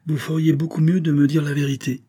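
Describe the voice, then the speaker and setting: A man's voice: mid-range voice, expressive, fairly quick, dark tone, slightly rough, pitched above the performer's own voice. A man reading an audiobook and voicing a suspicious viscount who presses with insistent questions. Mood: irritated. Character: suspicious middle-aged viscount, irritated and insistent.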